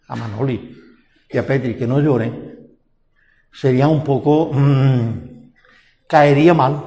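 A man's voice: mid-range voice, a little mellow. An older man with a Spanish accent from Spain, preaching a sermon and asking repeated rhetorical questions. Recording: echoey hall with long reverb.

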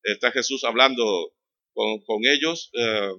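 Animated preacher, bright voice. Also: male voice, slow pace, dry recording, muffled recording. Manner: animated, rising loud on key phrases, then dropping low; conversational, addresses congregation directly. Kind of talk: sermon.

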